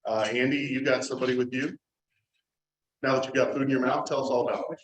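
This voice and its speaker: A man's voice: medium pitch, fast. Joking man at a club meeting. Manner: playful, deadpan teasing. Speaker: fellowship presenter at club meeting. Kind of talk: casual joking announcements. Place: meeting hall. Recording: roomy hall with faint noise.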